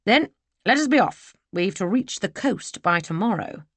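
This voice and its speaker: A woman voicing a sly, mocking young gentleman villain for an audiobook. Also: medium pitch, expressive, normal speed, dry recording, pitched above the performer's own voice. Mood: smug. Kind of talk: audiobook character voice.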